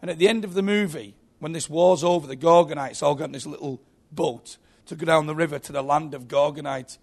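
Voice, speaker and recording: A man's voice: fairly high pitch, brisk. A man preaching a sermon in a church, telling stories with frequent restarts and repeated words.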